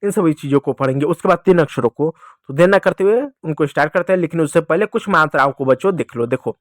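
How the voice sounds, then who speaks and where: High-voiced man teaching children. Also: dry recording, studio quality. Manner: slow, drawn-out spelling drills with repeated prompts to kids. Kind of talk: classroom-style teaching lesson.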